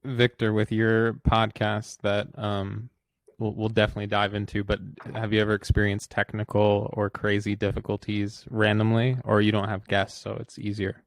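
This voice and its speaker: A man's voice: lowish voice, completely flat delivery, moderate pace, no room sound. A man co-hosting a podcast, laid-back and asking the guest questions. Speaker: podcast co-host. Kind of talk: casual podcast chat.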